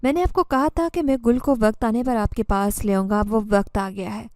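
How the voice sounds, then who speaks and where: A gentle guardian jinn, as a woman narrator puts him on, reassuring and measured, in a fairly high, soft, mellow voice. The recording is dry and close, with no room sound. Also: fairly even intonation, no room sound, close to an everyday voice. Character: calm, protective male jinn guardian.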